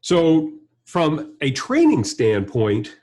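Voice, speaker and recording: Speaking extremely slowly, an American man in his fifties presents a hands-on product tutorial as a trainer, keeping it plain-spoken, conversational and explanatory. His fairly high voice has a darkish tone and swings hugely in pitch. He's recording in an indoor studio or workshop with a backdrop and bench.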